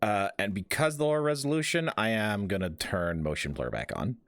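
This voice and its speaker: A man's voice: lowish voice, expressive, fairly quick, fairly bright tone, clean tone, no echo, clean studio sound. A man streaming a game with casual, playful commentary, muttering asides and chatting to viewers. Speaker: gaming streamer.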